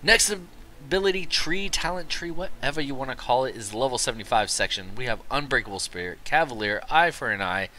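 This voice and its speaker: A young man giving a casual, rambling game guide commentary, excited and tired after work. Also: mid-range voice, a little hiss or hum. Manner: excited, rambling, quick asides. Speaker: gaming video creator.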